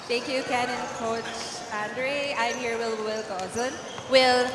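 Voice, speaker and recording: A woman with a Filipino accent conducting a courtside basketball interview. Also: a little high. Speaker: courtside reporter. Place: courtside in an indoor gym. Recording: echoey noisy gym.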